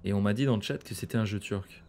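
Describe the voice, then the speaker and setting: A man's voice: lowish voice, fast, a little mellow, slight background noise. A man casually commentating a horror game, chatty and joking with slang and asides. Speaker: gaming streamer. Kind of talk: let's play commentary.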